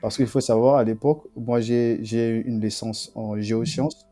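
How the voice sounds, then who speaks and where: A young man from the Republic of the Congo, a student guest telling his story in a podcast interview, halting and often repeating himself. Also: medium pitch, fairly even intonation, dark tone, soft background music.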